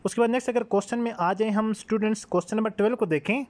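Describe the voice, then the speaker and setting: Brief: man, raised pitch, patient test-prep tutor who explains and repeats answers. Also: steady tone, very fast, a little mellow. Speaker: teacher.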